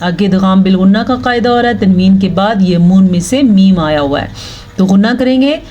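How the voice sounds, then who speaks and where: A woman teaching Quran recitation rules step by step. She explains each rule patiently, checks in often, then chants the Arabic words slowly. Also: mid-range voice, mellow, highs cut off. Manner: checks in with "thik hai" often. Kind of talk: slow, step-by-step tajweed lesson.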